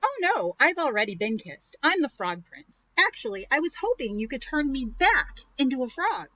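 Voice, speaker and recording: A woman's voice: high voice, very animated, moderate pace, bright, forceful tone, highs cut off, voice pushed up, heavily acted. A woman playing a flustered, pleading frog prince. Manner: pleading, breathless, insistent. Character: eager, flustered young male frog prince.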